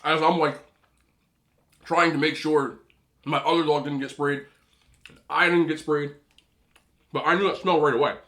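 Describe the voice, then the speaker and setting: A man hosting a mukbang, chatting casually and telling an animated, slangy, incredulous story between bites as he eats. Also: a little high, a little slow, long pauses. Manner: eating between phrases. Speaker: host of a mukbang video. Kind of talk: casual rambling storytelling while eating.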